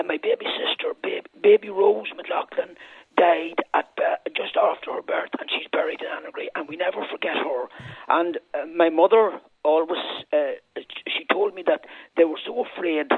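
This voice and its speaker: A man in his sixties with a northwest Irish accent, telling anecdotes of his life in a lilting, discursive storyteller's way, with a husky voice. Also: on the high side, normal speed, no echo. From Ireland, County Donegal and Fermanagh. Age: 60s. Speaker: interview guest. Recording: narrow, dull radio sound.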